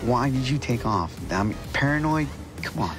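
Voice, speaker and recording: A man's voice: medium pitch, animated, moderate pace, music in the background. A male police officer questioning a suspect in a coaxing, direct way.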